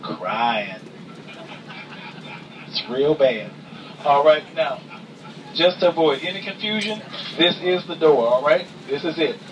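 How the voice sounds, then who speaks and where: A male flight attendant delivers a comic cabin announcement from some distance, through obvious background noise. His voice sits a little high for a man, and he talks with dry, mock-stern sass, repeating himself for emphasis. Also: expressive, normal speed. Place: aircraft cabin. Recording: distant, noisy aircraft cabin capture.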